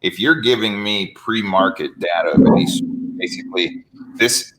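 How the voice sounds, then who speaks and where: A very low-voiced man hosts a casual business chat. He talks in an energetic, salesy way and keeps tossing in quick "right?" tags. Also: slight background noise, low-quality recording. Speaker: host.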